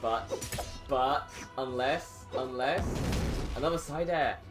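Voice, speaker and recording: A man's voice: mid-range voice, slow pace. A man doing fighting game play-by-play as a tournament commentator, casual and hesitant, often repeating himself mid-phrase. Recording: game music behind the voice. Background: game music.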